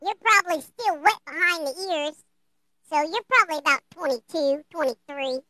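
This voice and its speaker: A man's voice: very high-pitched, normal speed, sharp tone, no room sound, exaggerated voice. A performer voicing a brash, flirty male blue puppet who hosts a live stream, cracking crude jokes and cackling often. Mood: flirty, cocky.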